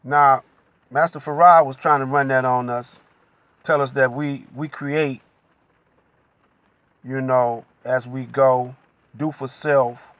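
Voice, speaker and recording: A man giving a slow, unhurried religious teaching monologue as the host, pausing often and adding "you know.". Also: mid-range voice, steady tone, fairly bright tone, no echo.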